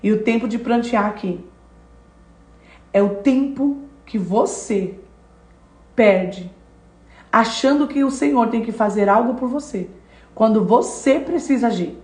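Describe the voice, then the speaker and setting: This devotional teacher's voice is a little high and somewhat dark, and she speaks a bit slowly with long pauses in an echoey room. Her sermon-lesson is emphatic, built on repeated phrases and direct address to the listener.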